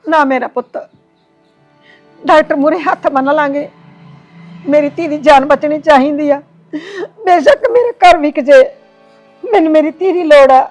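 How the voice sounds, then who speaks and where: A woman's voice: high-pitched, level tone, normal speed, long pauses, faint music behind, lightly acted. A woman playing a grieving old village mother. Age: older. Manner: pleading and consoling. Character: grieving elderly village mother, tender and devout. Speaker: actor. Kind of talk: village drama acting.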